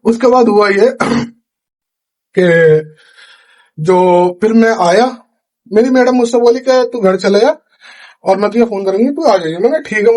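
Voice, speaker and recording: High-voiced man telling a story. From India. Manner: chatty, animated retelling with quoted dialogue. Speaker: vlogger. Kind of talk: casual storytelling vlog. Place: home kitchen at night.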